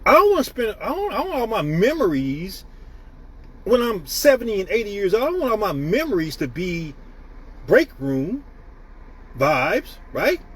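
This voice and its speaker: High-pitched and sing-song, this American man in his fifties speaks at normal speed in a slightly bright, husky voice. He greets viewers by name while preaching motivation on his live stream.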